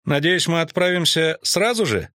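Brief: male reader voicing a glib, flippant young bard for an audiobook, pitched well up. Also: animated, normal speed, pushed and bright, no echo, clean studio sound. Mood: teasing.

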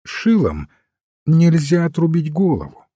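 A man voicing a mild, patient little priest detective who answers calmly and cryptically. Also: on the high side, a little slow, husky, no room sound, studio quality, pitched above the performer's own voice, heavily acted. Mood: calm, cryptic. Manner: calm, gently cryptic.

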